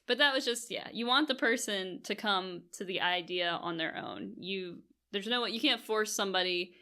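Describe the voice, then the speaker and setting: A woman co-hosting a podcast in casual chat, chatty and quick to laugh, with many fillers. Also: medium pitch, sharp tone. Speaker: podcast co-host.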